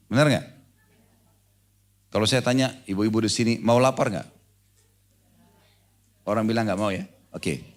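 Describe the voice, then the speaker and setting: A middle-aged man giving a live sermon to a congregation in a hall, talking conversationally and quizzing his listeners directly. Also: fairly low pitch. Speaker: Islamic preacher. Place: lecture hall with a live audience.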